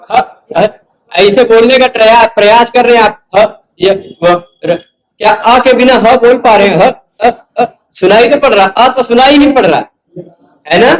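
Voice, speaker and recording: In a very high voice, a lecturer patiently walks students through Sanskrit grammar. He sounds out each syllable slowly and quizzes them to make sure they're keeping up, and the recording is rough and echoey.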